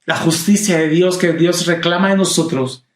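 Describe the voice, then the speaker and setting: Preacher guy teaching a bible study, kinda high voice, keeps repeating stuff, roomy echo. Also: steady tone, moderate pace. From Latin America. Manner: repetitive, emphatic, addresses listener as brother.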